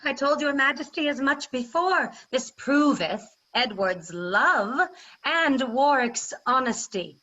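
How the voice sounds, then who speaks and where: A woman's voice: high voice, expressive, slow, bright, forceful tone, heavily acted. A woman playing a proud, wronged warrior queen in a staged reading of verse drama, declaiming formally over a video call. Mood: bitter. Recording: slightly dull video-call audio.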